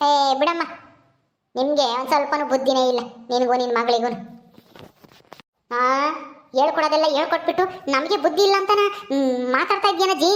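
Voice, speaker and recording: A woman's voice: sits high, brisk, pauses often, close to an everyday voice. A woman playing a bitter older mother thrown out of her home, scolding and quarrelsome, in a comic village skit.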